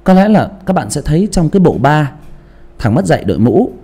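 A man's voice: on the high side, brisk, husky. A male audiobook narrator chatting casually about character voices, often restarting phrases and asking the listener questions. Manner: animated, repeats and restarts, asks listeners rhetorical questions.

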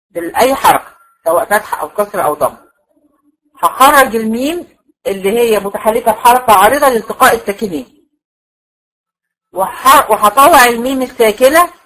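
A woman's voice: mid-range voice, fairly bright tone, rough recording. A woman with an Egyptian Arabic accent teaching a Quran recitation class, explaining each point step by step and repeating it to check that it is understood. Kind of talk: classroom lecture.

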